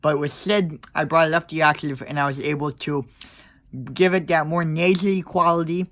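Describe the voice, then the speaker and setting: Rambling male vlogger with a slightly high voice, casual, explaining his craft. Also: fairly even intonation, moderate pace, fairly bright tone. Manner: loose and rambling, trailing off and restarting. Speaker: character creator on his own channel.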